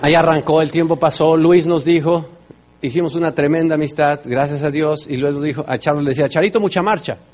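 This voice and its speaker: A man's voice: steady tone, fast talker. Emphatic Mexican man telling his story. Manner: emphatic, swings from loud bursts to soft low asides. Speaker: speaker at a business event. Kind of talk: motivational storytelling talk.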